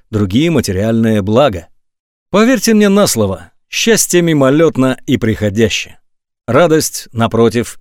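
A man reads a nonfiction audiobook aloud in an emphatic, scripted style, his pitch rising and falling with animated energy. His voice sits at a middle pitch. The recording is dry and close, with no room sound around him. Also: dry recording. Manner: lively, emphatic reading with wide swings of pitch. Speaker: audiobook narrator.

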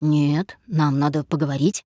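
A woman voicing a drunk, insistent young man on the phone, with a low, relaxed and slurring voice, in a dry recording. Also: unhurried, no room sound.

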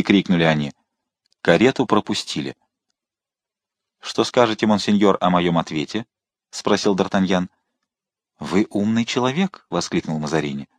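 Brief: male narrator, measured and even, low-pitched, dry studio sound. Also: dry recording. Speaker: audiobook narrator. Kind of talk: scripted narration.

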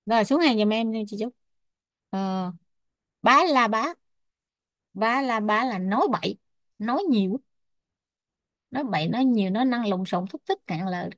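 Một người phụ nữ đang giảng bài, đọc chậm từng thuật ngữ, đánh vần rồi giải nghĩa như cho học viên chép. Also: female voice, mid-range voice, dry recording, clean studio sound. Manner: spells out Pali terms and glosses them slowly. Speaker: Buddhist Abhidhamma teacher. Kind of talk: slow dictation-style teaching.

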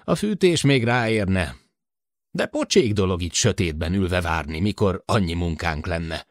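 A talkative, teasing spaceship crewman, as a male reader puts him on in a raised, lively voice that swoops up and down. His delivery is chatty and apologetic by turns, with the dry, close sound of a studio audiobook. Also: low-pitched, no echo. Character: joking male spaceship crewman stuck in the dark.

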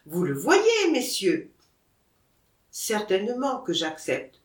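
A woman's voice: mid-range voice, huge pitch swings, takes it slowly, reverberant. A woman reading the lines of a teasing young man who gleefully mocks his father, in an audiobook.

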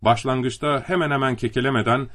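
A man narrating an audiobook in a measured, steady storytelling manner. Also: medium pitch.

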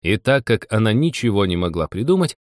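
A man reading a children's storybook aloud in an expressive, animated way. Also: lowish voice, a little fast, dry recording, clean studio sound. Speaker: audiobook reader. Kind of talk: storybook narration.

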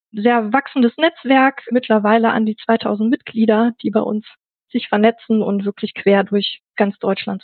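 A woman's voice: mid-range voice, no echo. A woman from the Ruhr area, a podcast guest describing her work in a casual, chatty way that leans on fillers. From Ruhr area, Germany. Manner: chatty, fills with "genau". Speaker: podcast guest, network manager. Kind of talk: casual interview talk. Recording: tinny phone-like line.

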